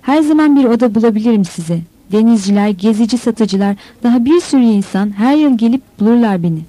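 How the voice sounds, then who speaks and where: A woman's voice: on the high side, lively intonation, a little fast, mellow, no echo, low-quality recording. A woman voicing a smiling, nosy middle-aged landlady in a spoken novel. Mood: ingratiating.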